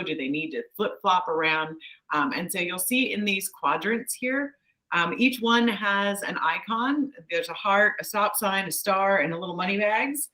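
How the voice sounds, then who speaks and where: Brief: woman workshop presenter, encouraging and chatty, bright tone, video call. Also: lowish voice, low-quality recording. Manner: chatty, encouraging, with light laughs.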